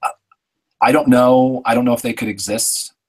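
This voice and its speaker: A man's voice: mid-range voice, flat delivery, moderate pace, breathy edge, low-quality recording. A man, a longtime journalist, speaking on a discussion panel in a conversational way and arguing his points at length.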